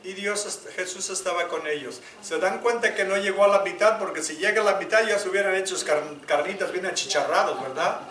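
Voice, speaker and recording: Impassioned high-voiced preacher, echoey church. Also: male voice, fairly quick, few pauses. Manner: impassioned preaching, swinging from loud to hushed. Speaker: pastor. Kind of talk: sermon. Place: church sanctuary. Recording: echoey church room, mic at a distance.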